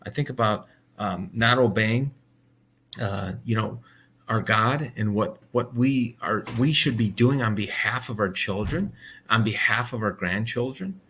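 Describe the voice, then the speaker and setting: Husky, bright-voiced American man ranting. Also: medium pitch. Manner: heated, blunt, swears, restarts a lot. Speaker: host of a daily bible reading livestream. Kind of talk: ranting casual monologue.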